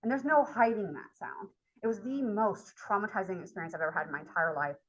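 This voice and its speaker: The poor audio captures a woman college instructor with a mid-range voice talking fast as she tells a rambling personal story in a relaxed lecture. Her delivery is chatty and heavy on fillers.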